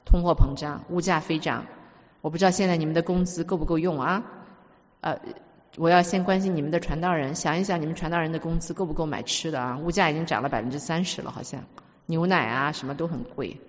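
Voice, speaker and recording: A woman's voice: low-pitched, fast. A woman preacher giving a sermon, emphatic and full of stories, often repeating words as she speaks. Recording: dull recording with long hall reverb.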